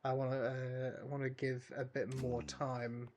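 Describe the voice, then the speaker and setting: A man reading out the lines of an earnest, stubborn young male mushroom seller in a video game, halting and full of fillers. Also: medium pitch, completely flat delivery, darkish tone, slight background noise, natural voice. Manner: halting read with many fillers.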